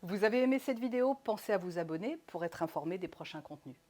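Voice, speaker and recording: A woman coaching public speaking in an instructional video, with crisp articulation and strongly stressed, lively intonation. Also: on the low side, fast talker.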